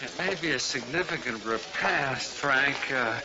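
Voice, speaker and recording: Pompous, slow-talking genteel policeman. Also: mid-range voice, expressive. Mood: pompous, jovial. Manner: pompous, florid, measured. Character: pompous, genteel police officer, old-boy chum. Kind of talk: television drama acting. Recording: dull, noisy TV soundtrack.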